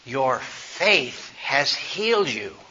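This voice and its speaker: A man voicing a calm, gentle male healer who speaks in a soft, measured way. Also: mid-range voice, heavily acted. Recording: slightly dull recording, faint noise.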